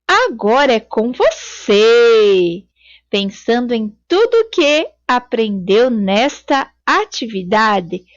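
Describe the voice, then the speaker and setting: Patient female teacher, high lively voice. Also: no room sound, lo-fi sound. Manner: slow, patient explaining to children. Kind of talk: recorded video lesson.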